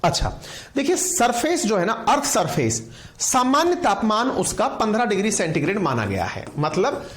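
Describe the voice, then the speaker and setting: Lively male teacher in a roomy space. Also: high voice, moderate pace. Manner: lively, asks viewers questions, calls them companions. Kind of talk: classroom lecture to online viewers. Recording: roomy echo.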